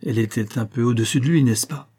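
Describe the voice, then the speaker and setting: A man's voice: medium pitch, fast, mellow, slightly rough, close to an everyday voice. A man voicing a sly, servile village simpleton who murmurs insinuating questions.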